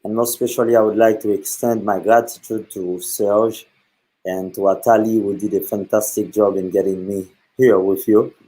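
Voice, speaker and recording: Earnest priest, low voice. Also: male voice, fairly even intonation, mellow, poor audio. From Haiti. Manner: earnest, with many pauses and fillers. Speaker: guest speaker. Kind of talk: reflective talk on faith.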